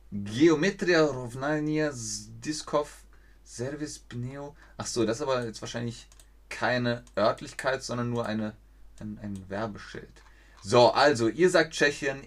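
Young man, casual streamer, thinks out loud, chats with viewers. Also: medium pitch. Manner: chatty, thinks aloud, reads viewer chat, stumbles over foreign names. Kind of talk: live-streamed geography game commentary.

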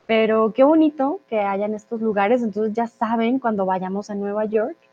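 A woman from Colombia teaches a live Spanish class online, reading out viewers' comments in a friendly way. Her voice sits a bit high, and she slows down to stress the words that matter. The recording sounds dull and lo-fi. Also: a little mellow. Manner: friendly, explains slowly and stresses key words. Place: Mexico.

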